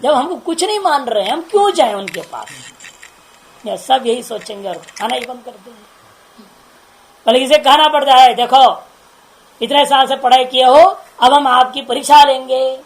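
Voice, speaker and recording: Casting: woman, spiritual teacher, higher voice, informal discourse, chatty, laughing, keeps checking in with her listeners. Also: normal speed, poor audio.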